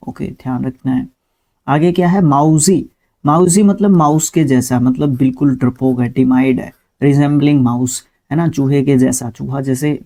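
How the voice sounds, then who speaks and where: A man teaching English vocabulary in an unhurried, explanatory way, moving between Hindi and Indian-accented English. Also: medium pitch, warm tone. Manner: explains each word slowly, mixing Hindi and English. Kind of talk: spelling and vocabulary lesson.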